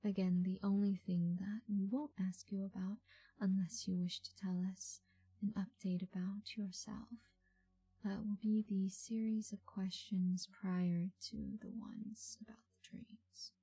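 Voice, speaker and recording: Female for ASMR role-play as a patient call center agent: very mellow, dark, breathy ASMR delivery, reassuring and slow. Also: mid-range voice, little pitch movement. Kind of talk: soft ASMR.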